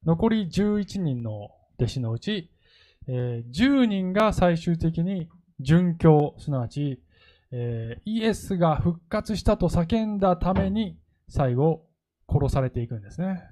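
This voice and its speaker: A man's voice: fairly high pitch, takes it slowly. A male pastor preaching a sermon, telling stories and acting out quoted lines. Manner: lively storytelling, acts out quoted lines.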